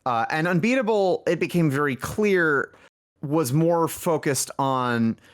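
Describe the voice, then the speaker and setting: A little high-pitched and expressive, the man speaks unhurriedly as a guest on a casual podcast interview. He's an indie game developer and music lead, and his informal answers wander, frequently interrupting themselves partway through.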